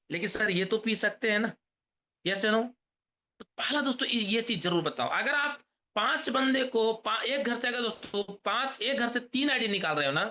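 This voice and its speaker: A man in his thirties giving an energetic sales pep talk on a video call, rousing the audience with questions and chants. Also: very high-pitched. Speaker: motivational trainer.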